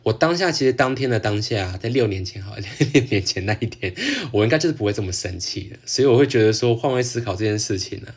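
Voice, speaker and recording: A man's voice: on the low side, fast talker, few pauses, breathy edge. Chatty Taiwanese man telling a story. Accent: Taiwanese Mandarin. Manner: animated, laughs often, acts out quotes. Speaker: podcast host. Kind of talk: casual storytelling chat.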